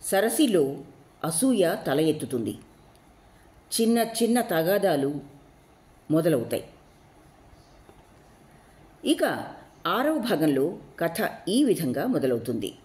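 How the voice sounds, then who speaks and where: A woman narrating an audiobook recap in a deliberate reading. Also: sits low, very animated, darkish tone.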